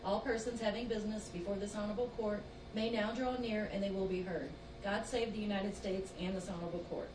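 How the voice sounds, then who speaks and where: A woman's voice: mid-range voice, steady tone, brisk, few pauses. A woman court clerk making a formal, ceremonial proclamation like a town crier, opening a session. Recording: echoey, noisy courtroom pickup, distant mic.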